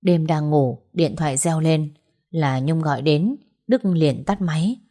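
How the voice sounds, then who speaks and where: A woman narrating an audiobook story in a steady, unhurried way. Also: sits low.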